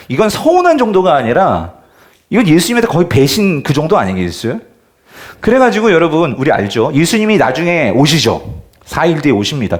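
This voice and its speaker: A male pastor preaching an evening revival sermon in a church. He keeps asking the congregation questions and swings between loud emphasis and near-whispers. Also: fairly high pitch. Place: church sanctuary.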